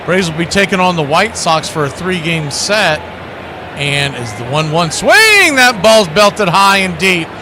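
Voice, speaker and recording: A man's high-sitting voice swings widely in pitch at a measured pace as he calls baseball live on radio, play by play, in a folksy, colorful style. Outdoor ambience comes through clearly behind him.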